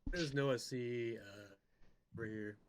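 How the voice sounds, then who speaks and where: A man playing a tabletop game, thinking aloud in a slow, musing way. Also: medium pitch, slight background noise. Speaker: player. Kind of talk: casual tabletop game chat.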